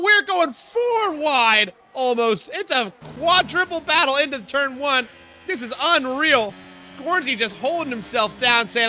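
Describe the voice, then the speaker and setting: A man doing live play-by-play for an online racing league, shouting at close moves and straining his voice. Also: sits high, slight background noise. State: losing his voice. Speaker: sim racing league commentator. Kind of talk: excited live esports race commentary.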